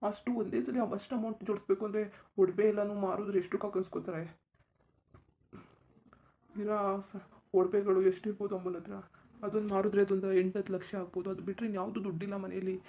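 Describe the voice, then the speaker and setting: A worried young village man in a cartoon pleads for help in a rushed, anxious voice, as a voice actor plays him. His pitch sits in the middle range, and his words tumble out quickly. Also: little pitch movement, mellow, close to an everyday voice. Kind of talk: cartoon voice acting.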